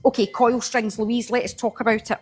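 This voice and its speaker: This live-selling host speaks with a Glaswegian accent; her voice is on the high side, steady, a little fast, slightly mellow and slightly rough. She chats through a casual live-stream demo, addressing and thanking viewers by name as she goes.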